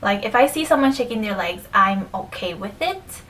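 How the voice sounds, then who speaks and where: A woman's voice: mid-range voice, lively intonation, normal speed, fairly bright tone, distant mic, low-quality recording. A young woman talking casually to camera about her pet peeves, full of fillers, sometimes dropping to a near whisper. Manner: chatty, many fillers, drops to near whisper. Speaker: vlogger.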